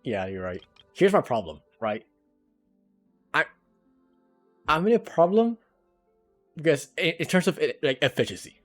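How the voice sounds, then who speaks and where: A man's voice: a little high, big pitch swings, unhurried, pauses often, fairly bright tone, faint music behind. Man on a livestream headset mic. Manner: chatty, rambling, swears casually. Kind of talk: casual gameplay commentary.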